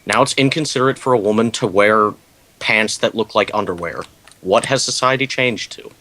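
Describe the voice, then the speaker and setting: Low-voiced young guy as podcast co-host, dry wisecracker. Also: moderate pace, sharp tone, poor audio. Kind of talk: casual chat.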